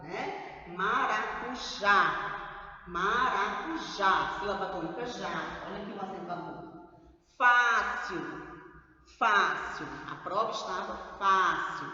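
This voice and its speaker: Brazilian woman, grade-school teacher, slow stressed syllables; dull, hall-like recording. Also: mid-range voice, bright, forceful tone. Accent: Brazilian Portuguese. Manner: slow, drawn-out stressed syllables, tag questions. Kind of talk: grammar lesson for children. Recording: roomy, far from the mic, dull.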